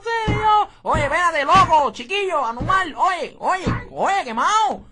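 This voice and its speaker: A man voicing a wisecracking young male friend with a Cuban accent who teases in fast banter. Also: very high-pitched, animated, heavy background noise. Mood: teasing. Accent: Cuban Spanish. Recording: loud music underneath.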